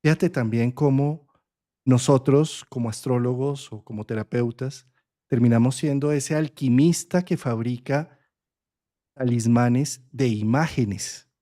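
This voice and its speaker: A middle-aged man teaching a master class, telling a fairy tale in an animated way and checking in with listeners. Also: medium pitch, unhurried. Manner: animated storyteller with tag questions. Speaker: astrology and psychology teacher. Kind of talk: master class storytelling lecture.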